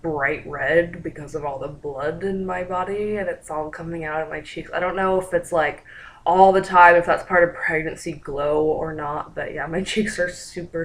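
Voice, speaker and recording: A woman's voice: fairly low pitch, low-quality recording. A young woman giving a casual pregnancy update to her camera, chatty and full of "like" fillers. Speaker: pregnancy vlogger.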